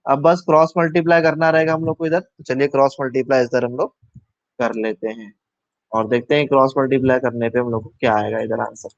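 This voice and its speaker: A man's voice: medium pitch, little pitch movement, brisk, no room sound. A man teaching a live online maths class, talking through each step aloud, mixing English maths terms into Hindi and asking his students questions. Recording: dull, dry lo-fi sound.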